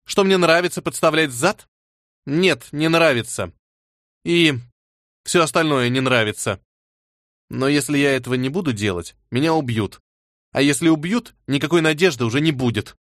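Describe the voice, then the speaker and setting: A man's voice: medium pitch, normal speed, fairly bright tone, no room sound, studio quality, natural voice. A man reading an audiobook and voicing a fierce, bitter teenage girl who swears harshly.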